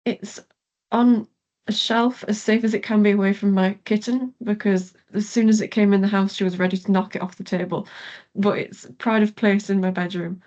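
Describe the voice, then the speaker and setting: A woman's voice: mid-range voice, flat delivery, normal speed, darkish tone, dull audio. A young woman from Galway with a west of Ireland accent, answering questions casually as an interview guest. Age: young adult. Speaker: interview guest, pharmacy student.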